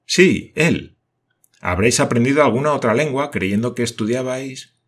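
A man reading an audiobook and voicing a calm, dryly ironic army major. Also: medium pitch, moderate pace, voice pushed up, natural voice. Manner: calm, dry irony. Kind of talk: audiobook character voice.

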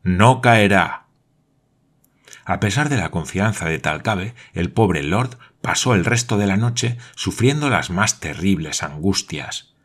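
A man narrating an adventure novel in a steady, measured audiobook reading. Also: low-pitched, breathy edge.

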